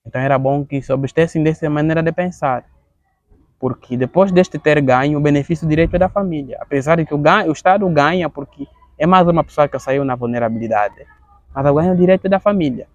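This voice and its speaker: A man in his thirties with an Angolan Portuguese accent. He gives an earnest interview testimony, gravelly and halting, often repeating words as he searches for the next one. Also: fairly high pitch, dry recording. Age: 30s. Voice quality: gravelly, halting with frequent word repetitions.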